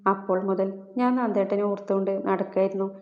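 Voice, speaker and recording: A woman's voice: mid-range voice, flat delivery, fast talker, faint music behind, close to an everyday voice. A woman voicing a shy, devoted young village woman in a read-aloud love story, speaking in a pleading, confessional way. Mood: tender. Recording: roomy, dull lo-fi sound.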